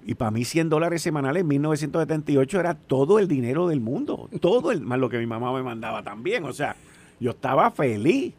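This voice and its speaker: A man in his sixties with a Puerto Rican accent, chatting casually and telling stories in an animated way, often putting questions to the listener. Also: mid-range voice, fast. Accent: Puerto Rican Spanish. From Puerto Rico. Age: 60s. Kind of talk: casual storytelling chat.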